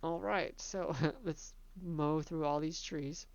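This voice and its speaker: A woman casually narrating a tour of her own theme park, chatty and relaxed, laughing between remarks. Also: sits low, slow pace, no room sound, lo-fi sound.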